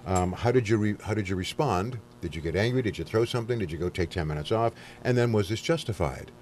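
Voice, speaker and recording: This is a man speaking as a guest counselor on a talk show. His voice sits very low and the words come out fast. He explains at length, often breaking off and starting a sentence again. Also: a little mellow, slight background noise. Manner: fast, explanatory, with frequent restarts. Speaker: guest counselor on anger management. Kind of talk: explaining in casual studio chat.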